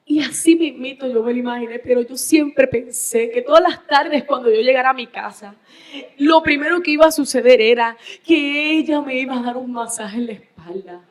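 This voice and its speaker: A disappointed husband tearfully pours out his hurt in a hushed, pleading tone, with a Puerto Rican accent. A woman preacher acts him out in a sermon story with her own high-pitched voice. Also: normal speed, natural voice. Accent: Puerto Rican Spanish.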